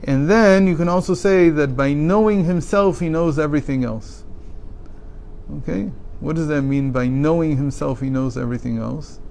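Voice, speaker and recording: A man with a somewhat high voice leads a daily text class. He reads passages, translates them, and explains them in a measured way. He often asks questions and then answers them himself. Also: creaky, a little mellow, a little hiss or hum. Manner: explanatory, poses rhetorical questions. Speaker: teacher.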